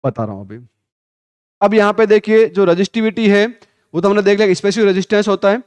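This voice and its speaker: A male physics teacher running a Hindi class lecture, quizzing students with repeated questions, calling them 'beta', and reading textbook lines slowly. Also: high voice, expressive, a little mellow, clean tone, dry recording. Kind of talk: classroom lecture with call-and-response drills.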